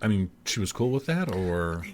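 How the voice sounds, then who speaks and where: A man's voice: sits low, big pitch swings, moderate pace, a crowd in the background. A man co-hosting a podcast in casual chat, teasing and joking, swearing freely. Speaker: podcast co-host.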